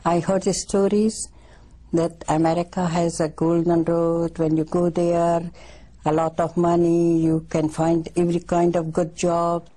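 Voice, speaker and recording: Middle-aged woman from afghanistan, counselor, husky voice, flat and dark, halting simple phrasing. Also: fairly low pitch. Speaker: community counselor. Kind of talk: interview answers.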